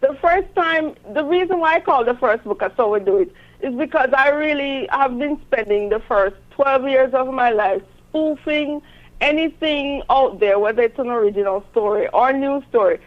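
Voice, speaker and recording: A woman's voice: sits high, moderate pace, lo-fi sound. A woman talking conversationally as an interview guest about her own work. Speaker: interview guest, self-published author.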